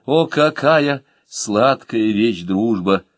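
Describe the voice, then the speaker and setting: A man voicing a naive, sentimental young poet who speaks in a gushing, high-flown way, in an audiobook. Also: animated, slow pace, no room sound. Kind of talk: audiobook character voice.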